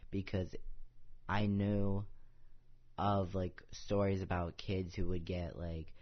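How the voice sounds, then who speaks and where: A young man with a very low voice tells his own story as a podcast guest, earnest and unpolished, and he drops "like" into nearly every phrase. The audio is dull and lo-fi, as if from a modest office podcast setup. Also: flat delivery, slow. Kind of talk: casual personal storytelling.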